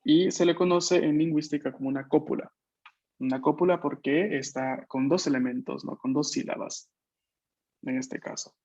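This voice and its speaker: A man's voice: fairly high pitch, normal speed, darkish tone, breathy edge, muffled recording. A man teaching a Japanese class online, explaining patiently and checking that his students follow. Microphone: video call.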